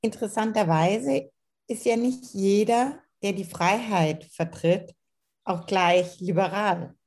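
A woman interviewer asking concise, measured questions. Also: medium pitch, darkish tone.

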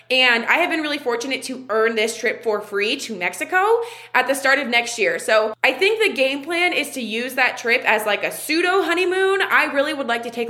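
A woman's voice: on the high side, bright, forceful tone. A woman in her twenties hosting her own podcast, talking in a chatty, candid way with frequent fillers. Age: 20s. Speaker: podcast host and online wellness coach. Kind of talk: casual solo podcast talk.

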